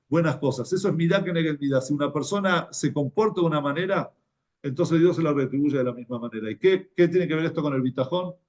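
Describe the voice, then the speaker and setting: A man with an Argentine Spanish accent gives a Torah class in a relaxed, conversational way. His voice sits fairly high for a man, and he tells stories while often repeating his words. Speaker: religious teacher.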